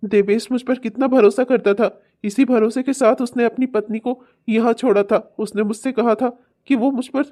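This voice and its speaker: A woman voicing a guilt-ridden husband and father of two in a cartoon drama, harsh and shouting, then sunk in self-blame. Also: fairly high pitch, steady tone, moderate pace, natural voice. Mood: guilty. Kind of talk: cartoon voice acting.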